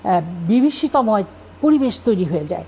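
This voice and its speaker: Woman guest scholar, calm explanatory delivery, relaxed tone, light background hiss. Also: medium pitch, normal speed, low-quality recording. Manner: calm explanatory, cites scripture. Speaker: religious guest speaker. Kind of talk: Islamic talk show explanation.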